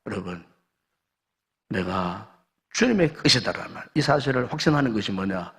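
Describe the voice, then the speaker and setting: A male pastor preaching a sermon, swinging between loud exhortation and soft low asides while asking the congregation questions. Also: slightly rough, long reverb tail. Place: church sanctuary.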